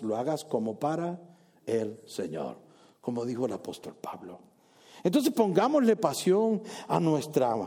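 A pastor with a fairly high-pitched voice delivers a lively church sermon, putting questions to the congregation and acting out small scenes.

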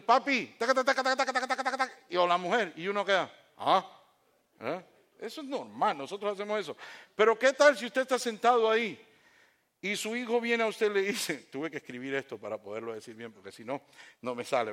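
Impassioned high-voiced male preacher. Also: animated, a little fast. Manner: impassioned, swings from loud to hushed; addresses congregation with rhetorical questions. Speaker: pastor. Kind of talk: sermon.

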